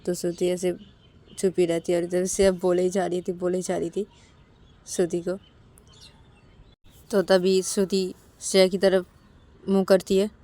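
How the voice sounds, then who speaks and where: A woman's voice: on the low side, dark tone. Casual woman storyteller narrating. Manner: loose, repetitive linking words.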